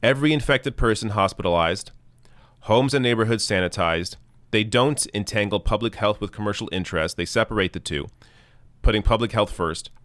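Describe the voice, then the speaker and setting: Low-voiced man giving earnest political commentary. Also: a little fast, fairly bright tone, no room sound. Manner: earnest, emphatic, opinionated. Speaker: host of a news commentary show. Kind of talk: political commentary, talking off the cuff to viewers.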